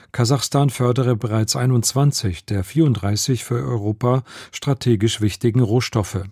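Male newsreader, formal and measured, low mellow voice, dry studio sound. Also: dry recording. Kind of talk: scripted radio news reading. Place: radio studio.

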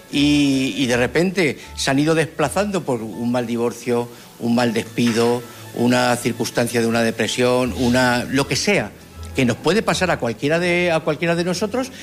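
A man answering interview questions in an earnest, rambling way with many restarts. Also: medium pitch.

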